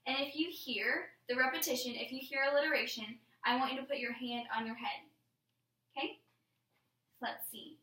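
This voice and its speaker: A woman's voice: high-pitched, fairly even intonation, moderate pace, bright, forceful tone. A woman teacher leading a classroom lesson, explaining patiently step by step. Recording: roomy classroom, mic far off.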